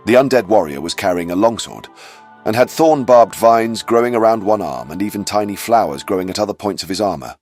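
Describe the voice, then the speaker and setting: A man with a deep, husky voice narrates a fantasy adventure recap. He tells it like a storyteller, slipping into wry, conversational asides, with faint music underneath. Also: expressive, fairly quick, a little mellow.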